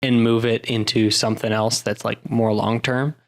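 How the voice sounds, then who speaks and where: 男人，低沉气泡音，轻松给建议. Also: male voice, on the low side, little pitch movement, normal speed. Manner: encouraging, advice-giving with fillers. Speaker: podcast co-host. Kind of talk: casual chat.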